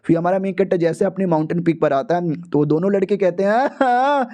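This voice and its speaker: A man's voice: high-pitched, steady tone, fast talker, mellow. A man narrating a comic-book recap in a casual, slangy, playful way.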